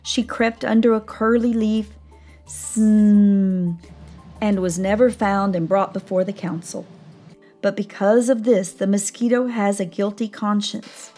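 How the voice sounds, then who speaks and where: A woman narrating a children's storybook read-aloud in a lively, animated manner. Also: medium pitch, moderate pace, soft background music. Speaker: storybook reader.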